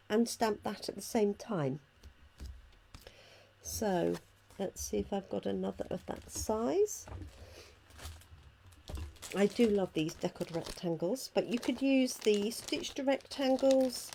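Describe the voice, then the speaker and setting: A hoarse, croaky-voiced woman chattily talking through each step of a casual live craft tutorial as she works. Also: fairly high pitch, dark tone, a little hiss or hum. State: hoarse from illness. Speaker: craft demonstrator hosting a live stream. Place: at a craft table indoors.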